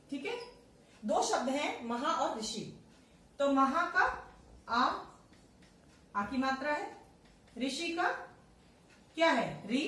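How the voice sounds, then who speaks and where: A woman teaching a grammar lesson to children, explaining step by step and asking the class question after question. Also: sits high. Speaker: Sanskrit teacher. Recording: very echoey, distant, faint hiss.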